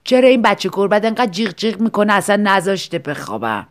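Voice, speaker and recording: A woman's voice: mid-range voice, very animated, natural voice. A woman doing a grumbling 91-year-old granny. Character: 91-year-old woman, hard of hearing, blunt.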